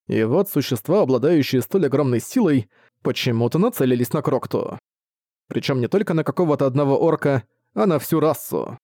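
List: male narrator, audiobook fantasy reading, medium pitch, steady, dry close recording. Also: no echo.

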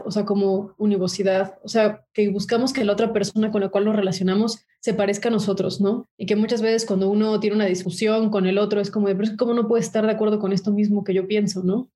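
A woman's voice: medium pitch, warm tone. A woman poet answering interview questions in a thoughtful, explanatory way. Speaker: poet and guest.

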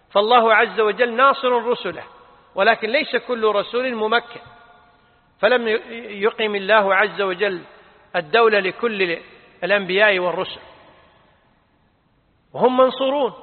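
High-voiced sheikh in a tinny hall. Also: male voice. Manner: emphatic, rises sharply on key points. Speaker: Islamic scholar answering questions. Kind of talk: religious lesson with questions and answers. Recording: tinny phone-like sound with long reverb.

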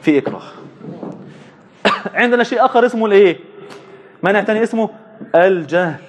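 There's slight background noise as a high-pitched, expressive man with an Egyptian Arabic accent delivers a religious lesson. He questions his listeners and then responds himself, lingering slowly on key words.

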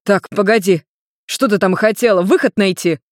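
Voicing an ancient, easygoing male demon for a storybook reading, a woman uses a mid-range, near-everyday voice at a moderate pace. She keeps him breezy, jokey, and scatterbrained, captured in studio quality without echo.

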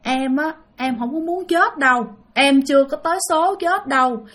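A man's voice: extremely high pitch, normal speed, fairly bright tone. A woman voicing the tearful ghost of a young man who begs that he did not want to die, with a Southern Vietnamese accent. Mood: tearful pleading. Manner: sobbing, begging, urgent.

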